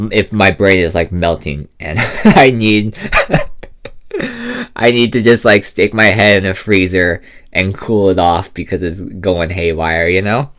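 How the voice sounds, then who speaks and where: A young man chatting casually while eating on a close, loud mic, rambling and hesitant, full of fillers. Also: deep voice. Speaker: mukbang vlogger. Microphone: close mic, loud for ASMR.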